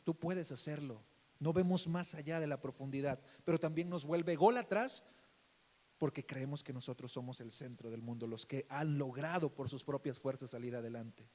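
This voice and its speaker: A man pastor with a Mexican Spanish accent preaching a sermon, calling listeners beloved brother and asking "right?" often, swinging between loud emphasis and soft asides. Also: fairly high pitch, in a large hall. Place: church.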